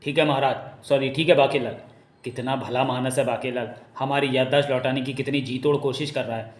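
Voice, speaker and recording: A man's voice: medium pitch, steady tone, a little fast, lightly acted. A man voicing a fat, simple-minded male king who talks naively. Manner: naive, whiny. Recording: echoey room.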